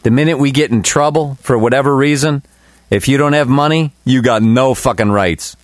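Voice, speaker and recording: A man's voice: mid-range voice, moderate pace, no room sound, clean studio sound. A man co-hosting a podcast, talking bluntly in casual chat with plenty of swearing. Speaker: podcast co-host.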